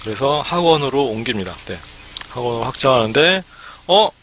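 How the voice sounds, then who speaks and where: A man lectures over a live stream in a bright, forward voice, talking in a loose, chatty way and dropping "ne" between points. A faint hiss sits under the recording. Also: mid-range voice, expressive, brisk. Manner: chatty, frequent "ne" fillers. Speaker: academy startup consultant.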